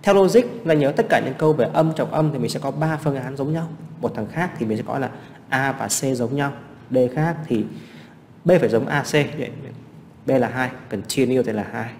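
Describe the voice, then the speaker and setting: A man's voice: medium pitch, moderate pace, darkish tone, in a large hall, a little hiss or hum. A man teaching English exam practice, explaining answers step by step and asking rhetorical questions.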